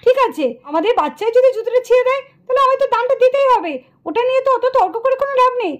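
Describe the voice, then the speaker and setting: A woman's voice: very high-pitched, animated, very fast. A woman voicing an exasperated mother who scolds her two little daughters in a puppet show. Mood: placating.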